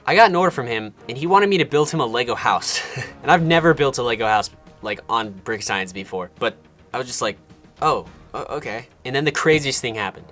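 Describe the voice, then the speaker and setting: A man's voice: medium pitch, animated, fairly quick, fairly bright tone, soft background music. A man narrating his building challenge as a casual vlog, chatty and upbeat, breaking into little laughs.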